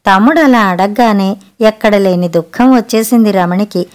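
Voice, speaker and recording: A woman narrating a humorous family story as an audiobook reader, measured and expressive. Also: mid-range voice.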